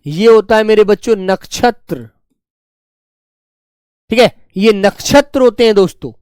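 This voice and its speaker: A male teacher giving a spelling class, dictating words slowly and repeating each one, talking to pupils in a fatherly way. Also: high voice, animated, darkish tone, clear, resonant tone, no room sound, studio quality. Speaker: Hindi teacher.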